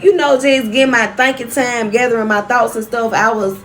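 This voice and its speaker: A woman's voice: on the high side, fairly even intonation, moderate pace, soft background music. A young woman vlogger telling a personal story straight to her viewers, frank and often profane.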